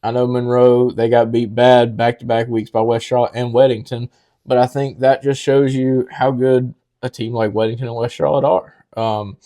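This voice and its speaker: Man, podcast co-host, warm mellow timbre, opinionated. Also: medium pitch, level tone, moderate pace. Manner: opinionated, argues his case with confidence. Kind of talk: casual sports talk.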